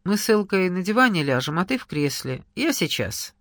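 A reader voicing a gentle, anxious young wife in an audiobook, soft and tender. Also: female voice, fairly low pitch, big pitch swings, normal speed, no echo, studio quality. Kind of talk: audiobook character reading.

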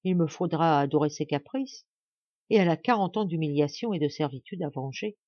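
A woman's voice: sits low, expressive, fairly quick, no room sound, lo-fi sound. A woman reading a novel aloud, voicing a proud and cunning young noblewoman who speaks coldly and with control. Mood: brooding. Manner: cold and controlled, then coaxing.

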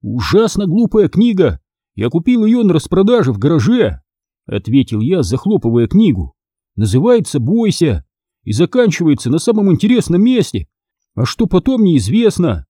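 A man reading aloud, voicing an angry, stubborn schoolboy with loud outbursts. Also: fairly high pitch, huge pitch swings, normal speed, breathy edge, no echo, studio quality, pitched above the performer's own voice, heavily acted. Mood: grumbling.

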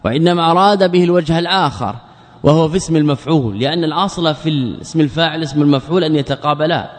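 A man teaching a religious studies class in a measured lecture, repeating key words and putting rhetorical questions to his students. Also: a little high. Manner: measured, drawn-out explanation. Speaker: Islamic scholar teaching a class. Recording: long reverb of a large hall.

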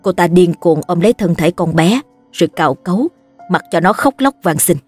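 Expressive woman narrating a horror tale. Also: lowish voice, normal speed, soft background music. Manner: expressive storytelling.

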